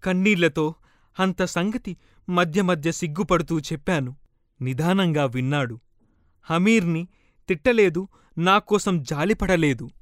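A man's voice: high voice, fairly bright tone, dry recording, studio quality. A man reading a novel aloud as an audiobook, voicing a woman's first-person account with heartfelt emotion. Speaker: audiobook reader. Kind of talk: scripted narration of a novel.

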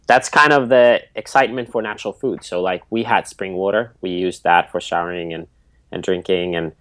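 A man's voice: sits low, no echo. A man from Finland with a Finnish accent, a podcast guest telling his story in loose, rambling answers full of fillers. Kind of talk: casual interview.

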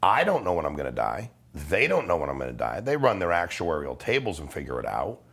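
A middle-aged man, a life insurance salesman on a podcast, speaks in a deep, gravelly, slightly rough voice that's a bit bright and swings hugely in pitch. Talking a little fast, he's casual, persuasive, blunt and emphatic, using slang and swear words.

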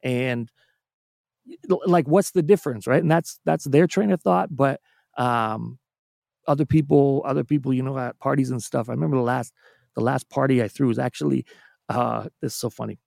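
A Canadian man, a music producer appearing as a guest, tells long self-deprecating stories in a casual podcast chat, restarting frequently. His mid-range voice carries vocal fry and a slight mellowness at a moderate pace. Clean studio sound, no echo.

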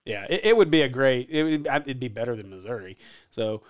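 A man's voice: mid-range voice, expressive, fast, smooth. A man hosting a sports podcast, chatty and rambling, laughing often. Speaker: podcast host. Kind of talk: casual sports podcast chat.

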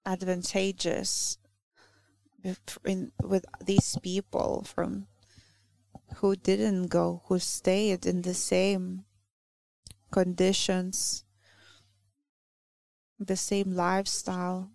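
A woman from Lithuania with a Lithuanian accent, a native Lithuanian speaker giving a halting church talk that searches for words. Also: fairly low pitch, monotone, vocal fry, warm tone, dry recording. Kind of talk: sermon.

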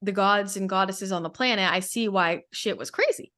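A woman's voice: medium pitch, normal speed, pushed and bright. A woman in a casual spiritual podcast conversation, telling a long story in a rambling way with many restarts.

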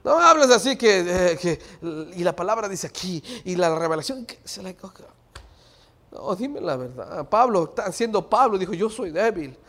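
A middle-aged male preacher giving a sermon, moving from quiet talk to loud preaching shouts and slipping English words into his Spanish. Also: high-pitched, expressive, measured pace.

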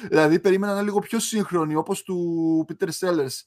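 Young man, podcast co-host, slightly high voice, casual chat, laughs often, trails off. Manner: relaxed, laughs often, trails off mid-sentence.

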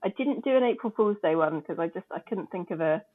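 A woman's voice: medium pitch, lively intonation, brisk. Chatty woman on a tinny line. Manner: chatty, laughs easily, many fillers. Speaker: podcast co-host. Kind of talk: casual chat.

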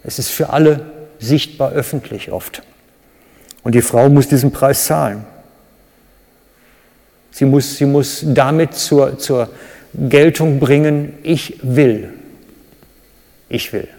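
A man with a German accent preaching a sermon, animated, with sudden loud high bursts when he acts out cries and quotes. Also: slow pace, long pauses. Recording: reverberant hall.

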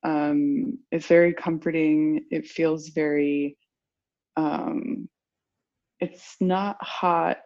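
A woman's voice: low-pitched, fairly even intonation, extremely slow, darkish tone, dull audio. A woman in her forties, a perfumer being interviewed, talking casually and rambling with lots of filler words. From United States. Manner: rambling, full of "like" and "you know". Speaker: perfumer guest.

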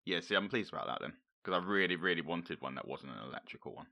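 A man co-hosting a casual podcast, sounding tired and husky after a night shift, easygoing and quick to laugh. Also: deep voice, lively intonation, sharp tone. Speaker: podcast co-host. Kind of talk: casual chat.

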